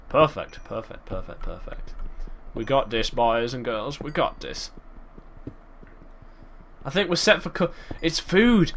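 A man talks his way through a video game, chatty and excitable, his pitch leaping around. His voice is bright and clear, and he keeps breaking into sudden yelps and cries. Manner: chatty and excitable, thinking aloud, sudden exclamations. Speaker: gaming channel host. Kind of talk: live gameplay commentary.

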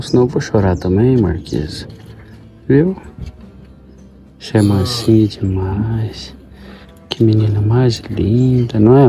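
Standing by a corral on his farm in Goiás, Brazil, a farmer and vlogger speaks tenderly to his cows for a casual farm vlog. His voice is on the low side, with a warm tone.

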